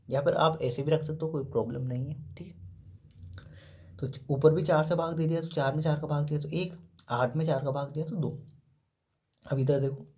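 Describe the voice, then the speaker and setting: Here a man with a mid-range, dark-toned voice teaches math step by step. Asking his own questions and supplying the answers, he leans often on "ठीक है" and "देखो".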